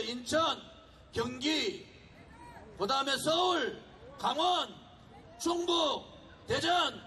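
At an outdoor street rally, a man delivers a fiery political speech, shouting and exhorting the crowd. His voice is very high-pitched and creaky.

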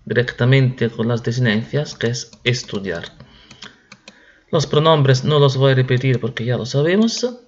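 A man teaching a grammar lesson, drilling conjugations in slow repeated lists that fall at the end of each list. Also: mid-range voice, expressive, muffled recording. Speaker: Spanish teacher.

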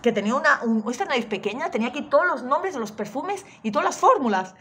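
A woman telling a story in an animated, chatty way, often quoting other people. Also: sits high, quick pace. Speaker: astrology vlogger. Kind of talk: casual storytelling monologue.

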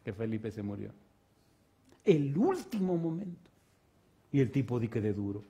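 A man preaching an evangelistic sermon and calling people forward, swinging between loud, fervent preaching and soft pleading. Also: mid-range voice, big pitch swings, unhurried, breathy edge. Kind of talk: evangelistic sermon with altar call. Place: church stage.

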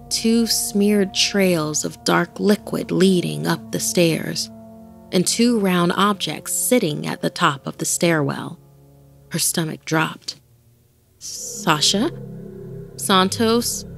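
A woman host with a fairly low, gravelly voice narrates a horror story in a dramatic, scripted style, her pace shifting with the tension. A faint music bed plays underneath.

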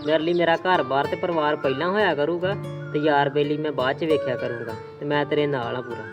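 A man's voice: fairly high pitch, steady tone, fast, lo-fi sound, music in the background, natural voice. A man playing a neglectful young husband in an amateur family drama, curt and dismissive. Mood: apologetic. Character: neglectful young husband who later repents. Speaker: son and husband; channel host.

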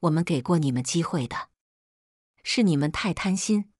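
A woman's voice: low voice, lively intonation, normal speed, a little mellow, no echo, studio quality. A woman doing an angry, stern widower. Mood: cold. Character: furious, cold-voiced widowed man. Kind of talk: storybook narration.

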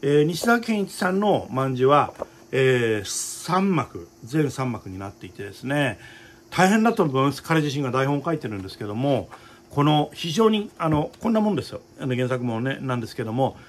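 Male host, middle pitch, gravelly, earnest and rambling with many fillers. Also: a little hiss or hum. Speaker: opera director and show host. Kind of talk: casual talk to viewers.

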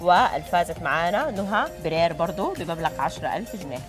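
Low-pitched, quick-talking Sudanese woman. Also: expressive, music in the background. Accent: Sudanese Arabic. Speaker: perfume company representative and prize announcer. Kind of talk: conversational promotional talk and prize announcing. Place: TV studio, standing.

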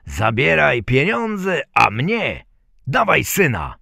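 A haughty rich lord from a folk tale, voiced by a male reader barks his words loudly and with command. His voice is a little raised and husky, recorded dry and close. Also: medium pitch, huge pitch swings, takes it slowly, dry recording, voice pushed up, exaggerated voice. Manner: loud and commanding.

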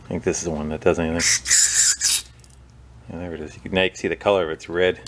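This is a deep, quick-paced male voice with a slight hiss or hum on the recording. He's hosting a small engine repair video from his workshop bench, near a wire wheel, chatting easily while he works and occasionally turning from the mic.

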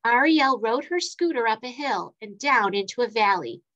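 Brief: woman storyteller for kids, higher voice, dull lo-fi recording. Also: normal speed. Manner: expressive, sound effects. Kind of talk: children's story reading.

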